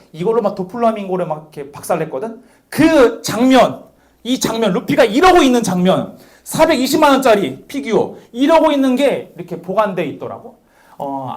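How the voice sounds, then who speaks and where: A young man preaching a youth sermon as pastor, calling on listeners by name. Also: sits high. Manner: animated, calls on listeners by name.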